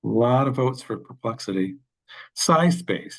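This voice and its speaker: A man giving a workshop over a video call, answering questions with halting speech and frequent fillers. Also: mid-range voice, lively intonation. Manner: halting, many fillers and restarts. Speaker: workshop presenter. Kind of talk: webinar Q&A.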